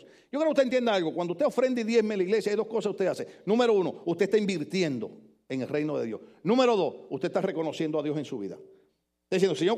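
An older Puerto Rican pastor preaching in church with a notably high voice. He swings from joking asides to emphatic points. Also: darkish tone. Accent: Puerto Rican Spanish. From Puerto Rico. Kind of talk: sermon. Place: church with congregation.

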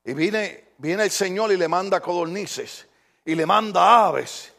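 A man preaching a sermon in church as pastor, animated, firing questions at the congregation and acting out the voices he quotes. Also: high voice, a little slow, vocal fry.

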